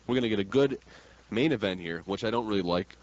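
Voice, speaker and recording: A fast-talking man with a lowish voice hosts wrestling talk radio, brash, emphatic, and full of slang. He has an American accent from New York State and trades opinionated banter in a radio studio. The lo-fi broadcast audio sounds dull, with a little hiss or hum.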